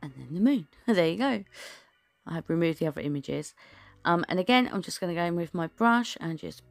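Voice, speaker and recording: A woman talks through a nail art tutorial in a casual, rambling voice-over. Her voice is low and has a gravelly fry. It is recorded close and dry, with soft background music. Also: lively intonation, a little fast, dry recording. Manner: chatty, rambling, many fillers and restarts.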